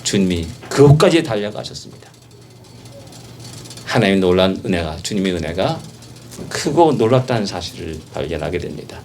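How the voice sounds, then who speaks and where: A male pastor preaching a sermon, emphatic, with rhetorical questions and repeated phrases, swinging from soft passages to loud exhortation. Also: low-pitched, sing-song, moderate pace, a little hiss or hum.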